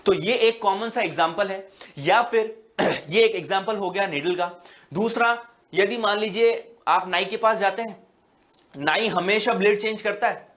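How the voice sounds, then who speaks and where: A man's voice: high voice, a bit bright. A male biology teacher giving an exam-prep lecture, talking patiently to students and often checking that they follow. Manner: explains slowly, repeating "बच्चों" and "है ना" often; fills pauses with "अ" and restarts words.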